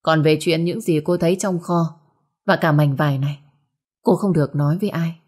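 A woman's voice: low voice, steady tone, moderate pace, a little mellow. A woman voicing a stern, curt young husband in a storybook.

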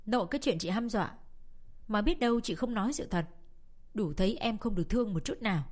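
A woman's voice: medium pitch, lively intonation, quick pace, darkish tone, close to an everyday voice. A woman voicing a hurt, defiant young girl who pleads and protests in a dramatic audiobook reading. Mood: resentful.

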